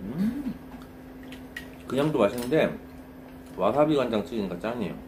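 A man's voice: mid-range voice, big pitch swings, normal speed, background noise. A man eating on camera with his mouth full, chewing, and exclaiming over the food between bites. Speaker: food vlogger. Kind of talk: casual eating show.

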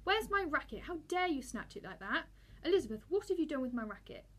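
Brief: raging schoolboy who shouts indignantly and pitches high, read by a woman. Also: expressive, brisk, breathy edge. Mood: fuming. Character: furious proud schoolboy.

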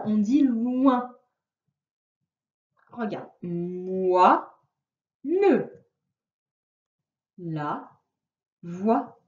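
Slow, patient woman teaching reading. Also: a little high, darkish tone. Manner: slow, patient, sounds out words syllable by syllable. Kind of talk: reading lesson for a young child. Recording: roomy, distant, dull lo-fi sound.

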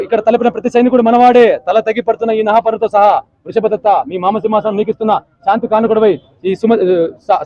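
A man's voice: high voice, dry recording, lightly acted. A man declaiming as a proud warrior king. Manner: declaiming in grand formal phrases. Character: proud ancient warrior king issuing threats. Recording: dull lo-fi recording.

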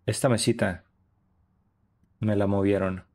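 A man's voice: lowish voice, fairly even intonation, measured pace, darkish tone, slight background noise. A young man, giving chatty, upbeat running commentary while streaming a horror game. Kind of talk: live gaming stream commentary.

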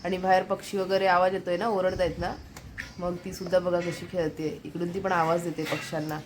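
A woman's voice: fairly low pitch, flat delivery, brisk, background noise. A young woman filming a casual family vlog at home on a phone, chatting to viewers and pointing things out as she goes. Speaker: family vlogger. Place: small home indoors.

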